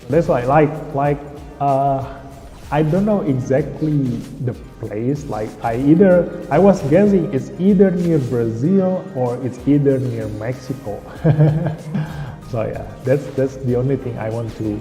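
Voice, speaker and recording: A young Indonesian man chats casually on a game stream, rambling and drifting off topic as he often loses the thread. His medium-pitched, mellow voice is a little slow, with a roomy, long reverb and faint music in the background.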